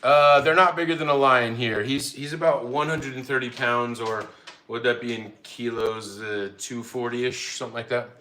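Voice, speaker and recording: A man's voice: medium pitch, steady tone, moderate pace, pushed and bright. A middle-aged man chatting casually on a home livestream, reading chat aloud and laughing easily. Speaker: livestream host. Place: home, feeding dogs.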